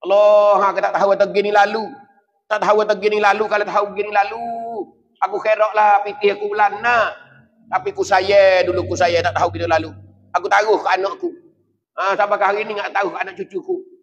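A man's voice: high voice, little pitch movement, quick pace, pitched above the performer's own voice. A preacher voicing a dead man begging from the grave. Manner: begging, wailing repeated pleas. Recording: dull lo-fi with long reverb.

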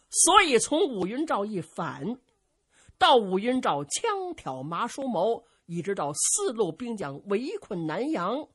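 Animated woman telling a story. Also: mid-range voice, breathy edge. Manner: vivid, animated, dramatic delivery. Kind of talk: traditional pingshu storytelling.

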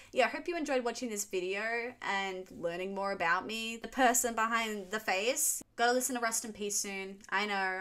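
A woman in her twenties with an Australian accent, hosting a casual question-and-answer vlog from a small room at home, chatty and animated. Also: medium pitch. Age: 20s. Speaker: YouTube music reaction host.

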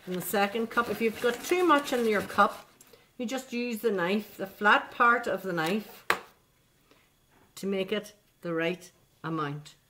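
In a slightly slow, medium-pitched voice, an older woman runs a kids' baking demonstration at home, talking chattily to her young audience and drawing them in with coaxing questions. Background noise can be heard.

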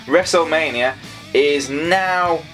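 Excitable guy rambling predictions. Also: a little high, takes it slowly, soft background music. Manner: excitable, rambling, talks straight to viewers. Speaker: wrestling predictions host. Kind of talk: casual predictions vlog.

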